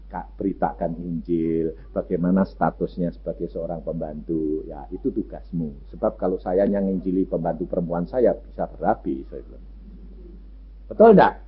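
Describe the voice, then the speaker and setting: A man preaching a sermon, telling stories lively and acting out the voices of people in them. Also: low voice, moderate pace, slightly rough. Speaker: pastor. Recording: muffled lo-fi recording.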